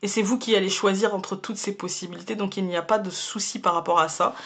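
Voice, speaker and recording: A woman's voice: medium pitch, fairly even intonation, fast talker, a bit bright. A woman hosting her own channel, giving a casual monthly tarot reading to camera in a chatty way, often repeating words as she searches for the next one. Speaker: tarot reader and channel host.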